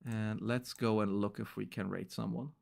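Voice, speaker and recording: A man's voice: on the low side, steady tone, normal speed, gravelly, darkish tone. Young man, streamer, casual sign-off chat, rambly and filler-heavy.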